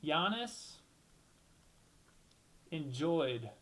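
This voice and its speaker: A man's voice: on the high side, sing-song, very slow, a bit bright, poor audio. A young man hosting a solo basketball talk show, rambling and thinking aloud, restarting sentences and swearing casually.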